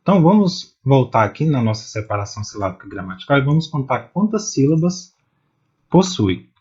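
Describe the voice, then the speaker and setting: A man teaching poetry, explaining slowly and patiently and spelling out syllables one at a time. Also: mid-range voice, very animated, a little mellow, slightly rough, lo-fi sound. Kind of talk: explaining step by step.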